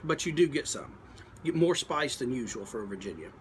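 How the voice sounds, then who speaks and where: A man giving a casual, unscripted product review, thinking aloud in a halting, folksy, plain-spoken way. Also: mid-range voice, sing-song, a little hiss or hum. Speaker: pipe tobacco reviewer.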